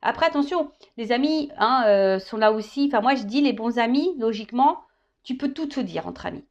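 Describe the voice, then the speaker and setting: A woman's voice: on the high side, expressive, brisk, lo-fi sound. A woman in her thirties giving a casual tarot guidance reading, chatty and joking. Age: 30s. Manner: chatty and joking, tagging phrases with "hein". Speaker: tarot reader.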